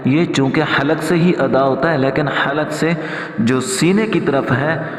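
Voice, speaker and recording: A man with a fairly high voice teaches tajweed, explaining common mistakes in calm talk. He then chants each verse slowly, stretching the sounds. The recording rings with the long echo of a large hall. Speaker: Quran recitation teacher. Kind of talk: tajweed lesson with chanted recitation. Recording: echoey hall.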